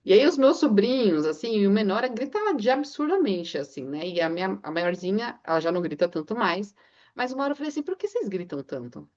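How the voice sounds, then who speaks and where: A woman's voice: medium pitch, sing-song, fast talker, a little mellow. Chatty woman on a muffled call. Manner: rambling, anecdotal, frequent filler tags. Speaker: book club participant. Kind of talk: casual chat.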